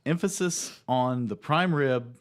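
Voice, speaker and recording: A man's voice: medium pitch, slow pace, clean tone. A man co-hosting a local morning TV show, bantering in a laid-back, agreeable way in a studio. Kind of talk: casual studio chat.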